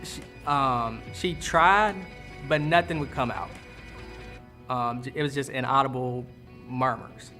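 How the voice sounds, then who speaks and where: A news cameraman telling, in a halting and reflective way, how he waded into floodwater. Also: medium pitch, pushed and bright, soft background music. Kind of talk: recounting in a documentary interview.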